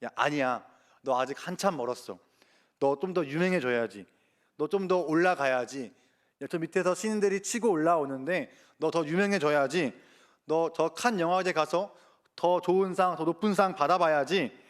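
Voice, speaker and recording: A preacher putting on a coaxing devil. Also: male voice, a little high, moderate pace, close to an everyday voice. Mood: goading. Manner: casual, persuasive tempting talk. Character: coaxing male devil whispering lies.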